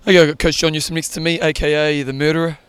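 A man's voice: fairly high pitch, level tone, rapid-fire, a bit bright, clear, resonant tone, dry recording. A man with a New Zealand accent hosting and reporting casually on location from a roadside. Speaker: show host. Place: outdoors at a triathlon roadside.

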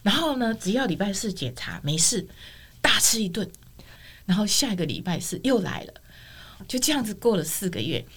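A middle-aged woman appears as a guest to tell her personal testimony, speaking at normal speed in a mid-range, slightly rough voice. An expressive storyteller, she acts out the dialogue she quotes.

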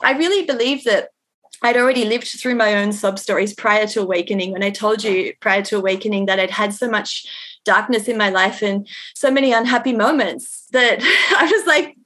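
A woman guest on a podcast telling a personal story in an earnest, animated way, often using "like". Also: mid-range voice, moderate pace.

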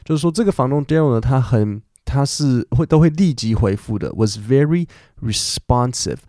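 A man's voice: mid-range voice, expressive, moderate pace, dark tone, dry recording, clean studio sound. A man, hosting a casual podcast lesson and explaining English words in a chatty way full of fillers. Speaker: podcast host and English teacher.

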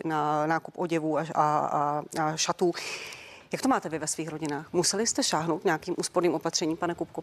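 Lower-voiced woman moderating a debate. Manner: brisk, tries to keep order.

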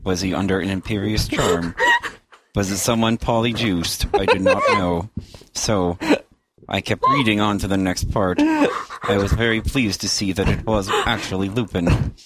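A calm, steady male computer voice, as a podcast co-host puts it on reads out a summary in a flat recital. The voice sits fairly low and stays level. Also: unhurried, heavy background noise. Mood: flat robotic. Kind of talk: casual podcast chat, reading a chapter recap.

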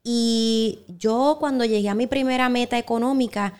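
A woman's voice: a little high, fairly even intonation, moderate pace, a little mellow, clear, resonant tone. A woman hosting a casual interview, talking in a conversational way and often checking for agreement with tag questions. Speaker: interview host.

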